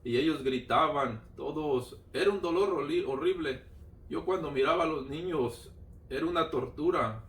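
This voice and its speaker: A man's voice: a little high, normal speed, fairly bright tone. A man giving a personal religious testimony, retelling it fervently with lots of repetition. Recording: roomy sound from a distant mic.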